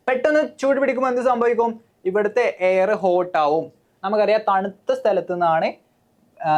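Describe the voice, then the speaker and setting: A woman teacher with a Malayali accent, coaching students for an exam, explaining step by step with frequent "okay" and questions to the class. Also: on the low side. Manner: mixes English terms into Malayalam.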